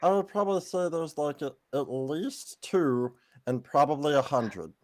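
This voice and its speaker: A man's voice: fairly high pitch, lively intonation, measured pace, pitched above the performer's own voice. A man voicing a flustered hunched pig-snouted miner. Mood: rambling. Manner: rambling and flustered, many restarts. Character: small hunched pig-snouted grey-haired creature miner.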